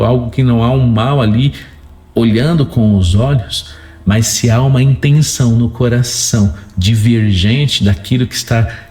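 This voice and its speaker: A man's voice: medium pitch, darkish tone. A Brazilian man preaching a sermon in a didactic way, using rhetorical questions and repeated phrases.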